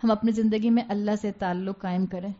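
A woman's voice: medium pitch, fairly even intonation, mellow. A woman teaching a religious lecture, speaking earnestly and exhorting her listeners with rhetorical questions. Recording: dull lo-fi recording.

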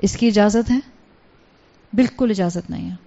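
Woman religious speaker, earnest and exhorting, mid-pitched voice, muffled lo-fi sound. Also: gravelly, warm tone. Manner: earnest, exhorting, mixes English words into her speech. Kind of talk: religious lecture with storytelling. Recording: dull lo-fi recording.

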